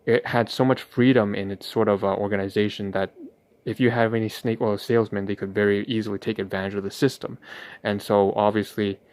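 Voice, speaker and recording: A man hosting a livestream narrates himself sorting paperwork, rambling in hesitant, wordy, slightly formal phrasing. His voice is fairly low and clean, and the recording is dry.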